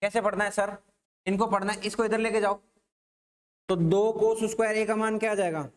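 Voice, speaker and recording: Man, maths teacher, Rajasthani Hindi accent, classroom lecture, high voice, asks and answers his own questions. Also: fairly even intonation, moderate pace.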